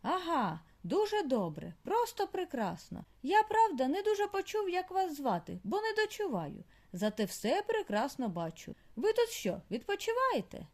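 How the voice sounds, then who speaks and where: A woman voicing an old, half-deaf male mole healer who shouts and asks everything twice, in an audiobook for children. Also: extremely high pitch, sing-song, moderate pace, hardly any pauses, voice pushed up. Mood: fussy. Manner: shouts and asks again, fussy. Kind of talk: audiobook character voice.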